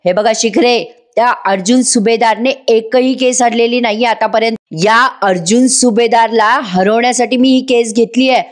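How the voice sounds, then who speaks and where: A woman's voice: on the high side, steady tone, normal speed, few pauses, close to an everyday voice. A woman voicing a proud female lawyer who speaks coldly and cuttingly. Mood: stern. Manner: cold, cutting.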